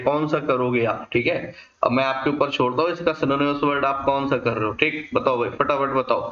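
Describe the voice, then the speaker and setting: Man, teacher, exam-prep lesson, bright forceful voice, echoey room. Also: a little high. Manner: explains in Hindi mixed with English, asks and answers his own questions; frequent checking tags like "thik hai". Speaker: English teacher. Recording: echoey room, dull lo-fi sound.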